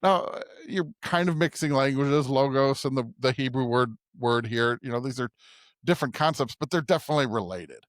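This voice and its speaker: On a conversational podcast about the Bible, a man co-hosting speaks fairly quickly in a medium-pitched voice, musing reflectively and regularly checking in with tag questions. The audio is studio quality without room sound.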